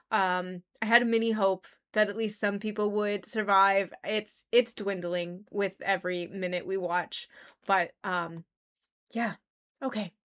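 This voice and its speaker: A woman's voice: medium pitch, fairly bright tone. A woman hosting a reaction video, talking casually about an episode she just watched, emphatic and emotional, swearing and repeating herself.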